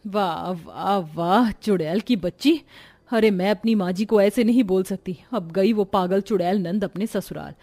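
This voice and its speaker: A woman's voice: normal speed, warm tone, close to an everyday voice. A woman voicing a fed-up young housewife in a cartoon, grumbling and exasperated. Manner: grumbling and exasperated, pitched lower. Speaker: daughter-in-law character. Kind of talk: cartoon voice acting.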